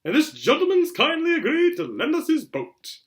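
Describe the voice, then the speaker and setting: Man acting a loud, manic, bossy uncle. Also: very high-pitched, wildly swooping pitch, moderate pace, voice pushed up, heavily acted. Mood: manic glee. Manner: loud, exclaiming, falsely cheery. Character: bossy, gleefully manic middle-aged uncle.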